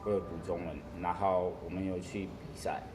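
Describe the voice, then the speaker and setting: A young South African man with a South African accent, a foreigner speaking halting Mandarin mixed with English words as he answers interview questions casually. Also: low voice, little pitch movement. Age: young adult. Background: music.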